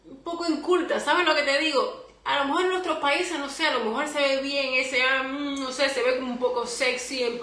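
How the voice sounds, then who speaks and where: A woman's voice: high voice, roomy sound. A young Cuban woman with a Cuban Spanish accent giving chatty advice in a vlog, acting out little scenes as she goes. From Cuba. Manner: chatty, animated, acts out little quoted scenes. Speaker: vlogger.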